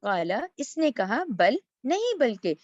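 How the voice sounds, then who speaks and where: A woman's voice: a little high, sing-song, no echo, muffled recording. A woman teaching a verse-by-verse religious lesson, reciting Arabic phrases and then explaining each one. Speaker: Quran teacher.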